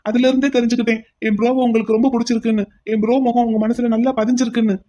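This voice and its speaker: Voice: medium pitch, level tone, very fast, dark tone, close to an everyday voice. A voice actor playing an insistent, pleading young man in a cartoon. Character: brash young man pining for his brother's sweetheart.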